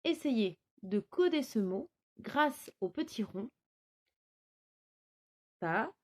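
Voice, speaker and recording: A woman teaching a phonics lesson to small children, sounding out each word syllable by syllable. Her voice sits a bit high and swings up and down a lot. She speaks very slowly and carefully. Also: lively intonation, a little mellow. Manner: slow, clearly articulated, syllable by syllable. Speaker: kindergarten teacher. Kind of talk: recorded remote phonics lesson for young children.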